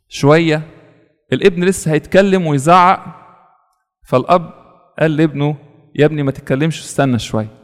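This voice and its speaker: Fast-talking Egyptian priest preaching. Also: male voice, a little high, big-room sound. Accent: Egyptian Arabic. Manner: storytelling, earnest, repeats words for stress. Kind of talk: sermon with a story.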